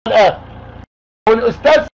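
A high-voiced Egyptian man talks fast and pushes hard, repeating his demands over and over. The call sounds muffled and lo-fi, with a faint hiss behind it. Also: vocal fry. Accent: Egyptian Arabic. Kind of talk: argumentative phone call.

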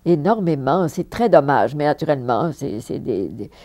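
An older Parisian woman with a deep voice, an actress, looks back on her career in a seated interview in a living room with a fireplace. She speaks at a normal pace, animated and emphatic, repeating words for stress and laughing often.

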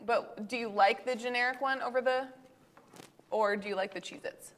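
Chatty woman co-host, slightly high. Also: fairly even intonation, normal speed, a bit bright, slight background noise. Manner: chatty, relays viewer comments. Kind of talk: casual chat on a livestream.

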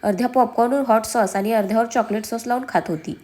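A woman's voice: fairly high pitch, quick pace, a little mellow, close to an everyday voice. A woman voicing a young husband in a storybook, fond and teasing but easily exasperated.

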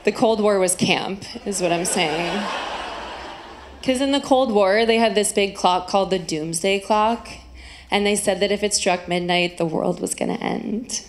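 A woman performing stand-up comedy into a stage microphone, with dry, conversational joking and drawn-out punchlines, to audience laughter. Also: mid-range voice. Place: live comedy venue. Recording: roomy live stage sound with crowd noise.

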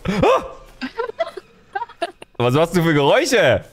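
A man talks through a horror game in casual commentary, joking and yelping at scares. His pitch leaps all over the place, from low mutters to high shrieks. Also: takes it slowly. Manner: excitable, jokey, yelps when startled. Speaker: let's play host.

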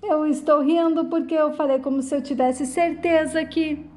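A woman voicing a defiant, gravely ill woman, read quickly and plainly. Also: sits high, steady tone, darkish tone, slight background noise, close to an everyday voice.

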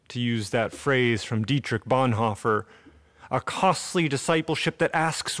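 Earnest man preaching from a pulpit. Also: fairly high pitch. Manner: earnest, measured preaching with deliberate pauses. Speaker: pastor. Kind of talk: sermon. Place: empty church sanctuary with pipe organ. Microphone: podium gooseneck mic.

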